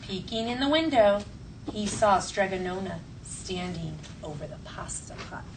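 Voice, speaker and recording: A woman teacher reading a storybook aloud to her class and prompting the children in clear, instructional phrases. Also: medium pitch, animated, moderate pace. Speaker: elementary school teacher. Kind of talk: classroom read-aloud and questioning. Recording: distant mic, faint classroom noise.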